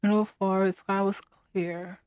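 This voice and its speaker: Woman reading game text, halting. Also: medium pitch, flat delivery, a little mellow, no echo, highs cut off. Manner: halting reading with frequent restarts. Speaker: let's play host.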